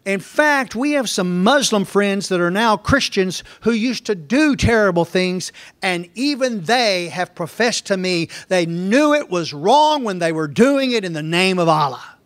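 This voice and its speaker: A man preaching a sermon, building to emphatic, rhetorical high points and then dropping his voice low. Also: animated, measured pace, no echo. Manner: emphatic, swings loud and soft, rhetorical questions. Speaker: pastor.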